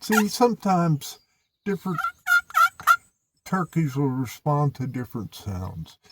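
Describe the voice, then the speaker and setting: A man with an Appalachian accent telling hunting stories casually, in a folksy, drawn-out country way. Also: a little high, big pitch swings, very noisy. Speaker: turkey hunter presenting his own video. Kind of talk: casual storytelling.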